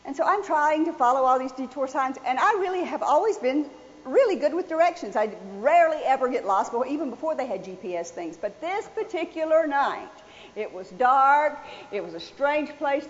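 A woman preaching a sermon, telling a personal story in a folksy, animated way. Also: high voice. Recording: dull sound with long hall reverb.

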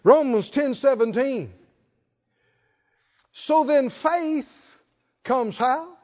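A man's voice: very high-pitched, very slow, darkish tone, highs cut off. A male pastor preaching a sermon, emphatic, prompting the congregation with short questions.

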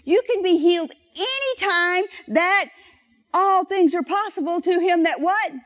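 A woman preaching a sermon, leading the congregation in call-and-response. She is animated and slows down to stress scripture. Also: very high voice. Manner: animated, slows down to stress scripture and leads the crowd in repeating lines. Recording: dull, lo-fi church recording.

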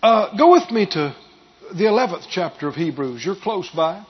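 A pastor preaching a sermon, repeating key phrases for emphasis and building to loud bursts. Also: male voice, sits high, big pitch swings, normal speed, slightly rough, muffled recording.

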